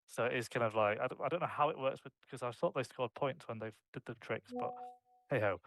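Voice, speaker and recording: A man's voice: mid-range voice, expressive, fast, fairly bright tone, low-quality recording. A British man co-hosting a sports podcast, chatting casually and mocking himself, with lots of fillers. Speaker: podcast co-host.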